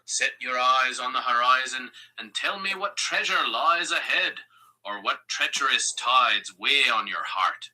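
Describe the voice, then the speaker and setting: A man's voice: medium pitch, expressive, a little slow, sharp tone, exaggerated voice, low-quality recording. An AI voice of a man playing a swaggering, theatrical pirate captain who talks in hearty pirate slang. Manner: pirate slang, playful grandiose delivery. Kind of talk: AI voice role-play.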